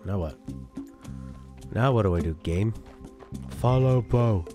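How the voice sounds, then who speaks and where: While streaming a game, a man chats casually, rambling and joking between plays. He's from outside the UK, and his low voice moves at a measured pace with music in the background.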